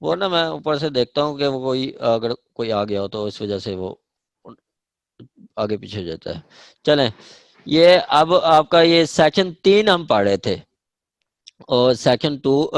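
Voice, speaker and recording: Over screen share, a law lecturer with a Pakistani accent explains legal definitions to an online class, rephrasing and repeating the main points and checking comprehension. His medium-pitched voice has lively intonation and a slightly slow delivery, with no echo.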